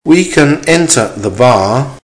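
A man reading a dictation exercise as a teacher, in short, measured, deliberate phrases with punctuation spoken aloud. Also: mid-range voice, lively intonation, rough recording. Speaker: language teacher giving dictation.

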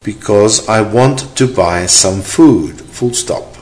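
A man reading a dictation exercise, saying each phrase three times in a measured, deliberate way and speaking the punctuation aloud. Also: fairly low pitch, darkish tone. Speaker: dictation reader. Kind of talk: slow repeated dictation with spoken punctuation.

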